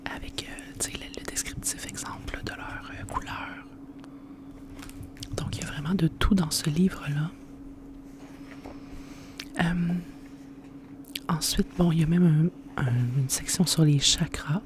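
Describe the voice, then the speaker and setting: Casting: ASMR host, Quebec French accent, soft library whisper throughout, informal and unhurried book presentation. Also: mid-range voice, fairly even intonation. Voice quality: hushed, unvoiced library whisper.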